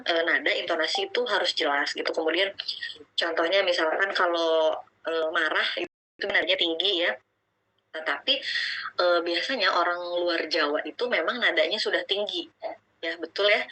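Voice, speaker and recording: Bright-voiced woman teaching a class. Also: fairly low pitch, poor audio. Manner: hesitant with many fillers; addresses students directly. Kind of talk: casual classroom lecture.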